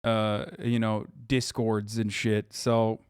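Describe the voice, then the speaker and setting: A man in his thirties streams live reactions to videos, swearing often and joking bluntly and casually with his chat. His lowish voice is slow and smooth with a completely flat delivery, and the clean studio sound has no room echo.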